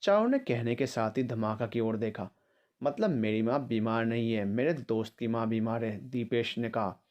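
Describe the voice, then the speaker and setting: A man reads a family drama aloud as a storyteller, voicing the dialogue of each character without much change of voice. His pitch sits in an ordinary middle range and the reading is steady. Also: moderate pace, dull audio. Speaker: narrator. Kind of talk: scripted story narration.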